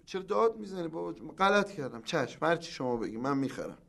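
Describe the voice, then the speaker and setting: An actor playing an excitable grown son in a sitcom who blusters, then meekly gives in. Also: male voice, fairly high pitch, gravelly, full character voice. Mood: pleading. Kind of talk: sitcom acting.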